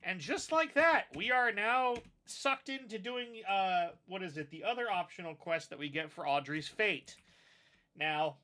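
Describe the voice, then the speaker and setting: A gaming video host with a high, animated voice speaks unhurriedly in a pushed, bright tone. Sinusy from allergies, he rambles through casual let's-play commentary on his playthrough and swears mildly.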